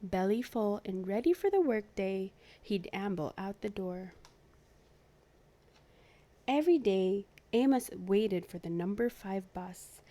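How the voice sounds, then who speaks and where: A woman reads a picture book aloud to young children as the host of a storytime, her medium-pitched voice soft-edged and mellow. She goes slowly, taking her time with each phrase, telling the story clearly and expressively while adding animated asides to her little listeners.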